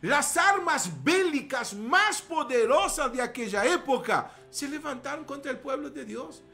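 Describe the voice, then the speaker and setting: A man preaching a sermon with emphasis, swinging between hushed asides and loud declarations and calling the congregation to repeat after him. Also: very high-pitched, lively intonation, unhurried, gravelly. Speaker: pastor.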